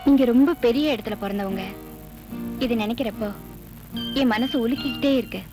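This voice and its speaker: A timid young village girl in love speaks softly and hesitantly in a film romance, played by a young actress. Her voice is high, and loud music plays behind her lines. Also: fairly quick, natural voice, low-quality recording. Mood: shy. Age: young adult. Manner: soft, timid.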